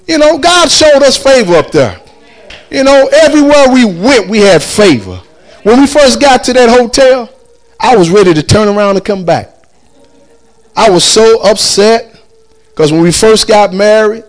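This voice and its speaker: Animated high-voiced man. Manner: animated, acts out quoted voices, laughs often. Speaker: storyteller. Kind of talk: casual storytelling.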